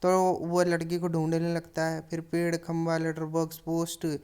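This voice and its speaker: A teacher retelling a storybook chapter for a class, with casual asides to the students along the way. The voice is flat and even, and the sound is smooth and clear. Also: mid-range voice, measured pace. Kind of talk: explaining a story lesson.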